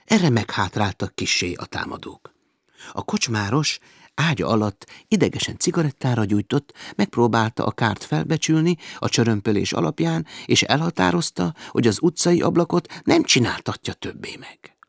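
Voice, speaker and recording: A man reading a humorous adventure novel aloud with lively, varied emphasis. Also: medium pitch, vocal fry, no room sound, clean studio sound. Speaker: audiobook narrator.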